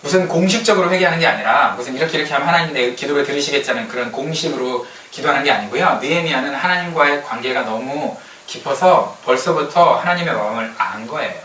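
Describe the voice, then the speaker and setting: A man preaching a sermon in an animated way, often asking the congregation questions. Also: medium pitch, quick pace, hardly any pauses. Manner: animated, asks the congregation questions and acts out quoted complaints. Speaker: pastor. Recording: echoey hall, voice from a distance, light room noise.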